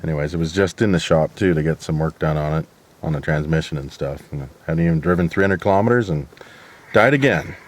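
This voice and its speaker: A man filming himself as a wildlife photographer, talking in a relaxed, rambling way with dry humor while outdoors by a roadside. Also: very deep voice, fast talker. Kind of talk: casual vlog narration. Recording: outdoor noise in background.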